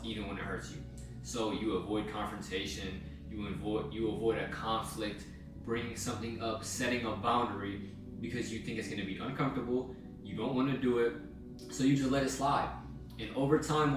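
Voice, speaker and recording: A young man giving a blunt, slangy, casual self-help talk, swearing freely. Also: lowish voice. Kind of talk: casual motivational monologue. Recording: very echoey room, mic at a distance, music behind.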